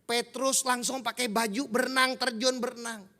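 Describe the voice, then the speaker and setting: A man's voice: very high voice, little pitch movement, normal speed, bright, forceful tone. A man preaching a sermon, telling the story vividly and acting out the dialogue.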